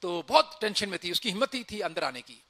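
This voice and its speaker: A man's voice: high-pitched, fast. A former army officer telling a story from his service, acting out the dialogue as he goes. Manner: acts out dialogue in lively retelling. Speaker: army officer sharing experience. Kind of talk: storytelling talk.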